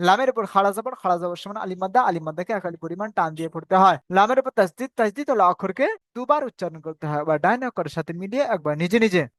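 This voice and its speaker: A man teaching Quran recitation in an online class, patiently repeating rules and spelling out sounds slowly. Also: high-pitched, a bit bright, dry recording. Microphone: video call.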